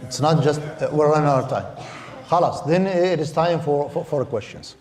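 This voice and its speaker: A man's voice: on the high side, brisk, darkish tone. Arabic-speaking man lecturing in an echoey hall. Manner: explains step by step, mixes Arabic words into English, repeats and restarts phrases. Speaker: Islamic law instructor. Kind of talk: classroom lecture. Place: lecture hall of a mosque center.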